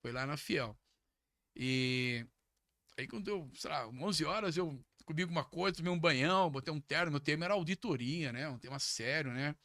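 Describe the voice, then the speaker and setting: A middle-aged man from São tells stories on a podcast in a casual, animated way, jumping higher when he quotes others. His voice is bright and somewhat high for a man. It is recorded close and dry. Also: moderate pace, no room sound. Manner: animated, jumps to high pitch when acting out quoted speech. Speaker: podcast guest. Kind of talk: casual storytelling.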